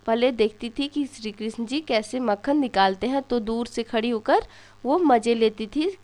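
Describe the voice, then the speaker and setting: A woman's voice: on the high side, moderate pace, darkish tone. A young woman teaching an exam-prep lesson, telling little stories and asking questions that she then answers herself. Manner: storytelling, asks questions and answers them herself.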